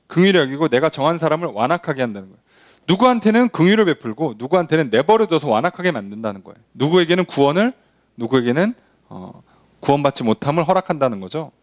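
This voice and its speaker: Animated Korean pastor teaching scripture. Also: male voice, fairly high pitch. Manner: conversational, explains verses step by step, asks the class questions; acts out imagined objections in a blunt informal voice. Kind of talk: Bible study teaching. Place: church.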